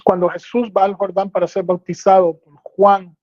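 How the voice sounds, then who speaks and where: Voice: mid-range voice, level tone, moderate pace, no room sound. Explanatory Bible teacher, dull lo-fi sound. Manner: explanatory, checks understanding with rhetorical questions. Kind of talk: teaching sermon.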